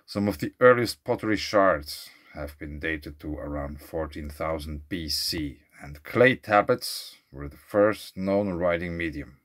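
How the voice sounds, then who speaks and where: Low-voiced man musing aloud. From Switzerland. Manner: rambling, thinks aloud, reads facts then drifts into asides. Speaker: vlogger. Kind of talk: casual musing monologue. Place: outdoors at a lakeside beach.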